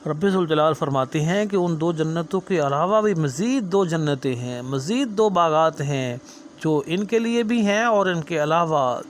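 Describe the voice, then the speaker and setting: A man delivers a sermon in a slightly raised register, working through verses with steady earnestness. He circles back on phrases again and again to drive a point home, and a faint hiss sits under the recording. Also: on the high side. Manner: melodic drawn-out chanting of verses, then earnest explanatory speech; repeats phrases for emphasis. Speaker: Quran teacher. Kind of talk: Quran recitation and sermon explanation.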